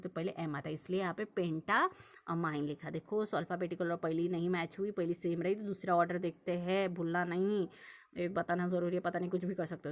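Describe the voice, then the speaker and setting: A young woman teaching a chemistry lesson, working through examples and asking her students questions as she explains. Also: medium pitch. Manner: repetitive, checks understanding with questions. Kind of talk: classroom lesson explaining on a board.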